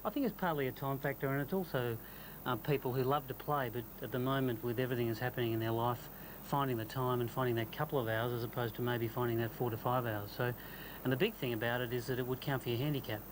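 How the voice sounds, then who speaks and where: A man's voice: medium pitch, steady tone, fast talker, noisy background. A man speaking as a sports executive in an informal broadcast interview. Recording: broadcast with clear background ambience.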